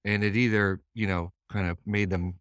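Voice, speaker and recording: A Boston musician joins a casual interview chat as a guest over video call, talking in a thoughtful, wandering way with many restarts. His voice is lowish and fairly even at normal speed, a bit bright, clear and resonant, with studio-quality sound and no room noise.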